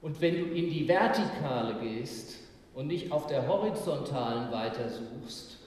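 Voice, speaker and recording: A man preaching slowly and earnestly, with a reflective cadence. His voice is picked up from a distance in a large hall, so long echoes trail his words over faint room ambience. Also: mid-range voice, expressive, darkish tone. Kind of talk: sermon.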